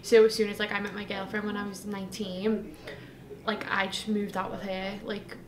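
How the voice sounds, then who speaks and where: Woman in her twenties, monotone and chatty, recorded in an echoey space with crowd chatter behind. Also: mid-range voice, moderate pace. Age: 20s. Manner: chatty, full of "like" and "um". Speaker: student interviewee. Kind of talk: casual interview answers.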